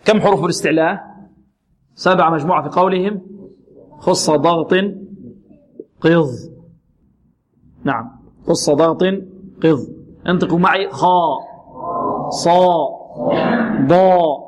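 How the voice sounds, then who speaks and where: A man teaching Quran recitation, patiently repeating syllables slowly and asking and answering his own questions. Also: a little high, a little hiss or hum. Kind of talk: tajweed lesson with recited examples.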